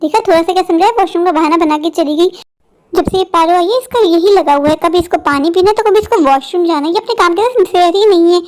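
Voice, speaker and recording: Cartoon office woman, bossy, impatient, scolding, very high quick voice, voiced by a woman. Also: darkish tone. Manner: scolding, lecturing. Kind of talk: cartoon voice acting.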